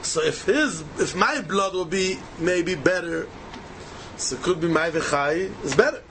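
A man's voice: high-pitched, unhurried, crowd noise, low-quality recording. A man with a Yiddish accent teaching a Talmud lesson, emphatically asking rhetorical questions and repeating key phrases as he answers them. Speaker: Torah teacher.

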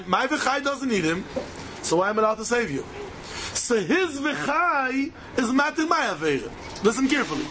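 A high-voiced man with a Yiddish accent teaches a religious text. His delivery swings widely in pitch as he fires off rhetorical questions and hammers key phrases by repeating them. A light wash of noise sits behind him. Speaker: Torah teacher. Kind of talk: Talmud lesson, rhetorical questions and answers.

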